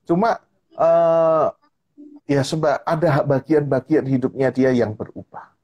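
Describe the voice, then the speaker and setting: A man speaking as a guest on a live-stream chat, telling a personal story in an animated way and often repeating a filler tag. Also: on the high side, unhurried, highs cut off. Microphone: live-stream call. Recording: online live-stream audio.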